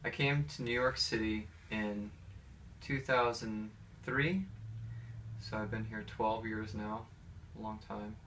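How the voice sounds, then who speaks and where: An Atlanta man in his thirties with an American accent, a pianist, answers interview questions in a casual, hesitant, rambling and personal way. His voice is lowish, steady and fairly bright, and he takes it slowly. The mic is distant, with faint background noise.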